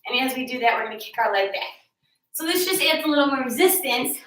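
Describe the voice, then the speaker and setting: High-voiced woman counting reps, echoey room. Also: lively intonation, quick pace, fairly bright tone. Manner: chatty, jokey asides between counts. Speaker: fitness instructor. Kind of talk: home workout instruction with counting. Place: room at home with a mirror. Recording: roomy echo, from a distance.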